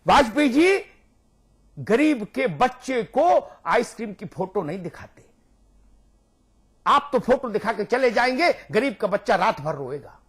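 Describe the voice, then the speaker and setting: A man's voice: high-pitched, very animated, measured pace, long pauses, fairly bright tone, breathy edge. A man speaking as a guest on a TV news debate, emphatic and rhetorical, repeating his points for force. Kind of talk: heated TV debate argument.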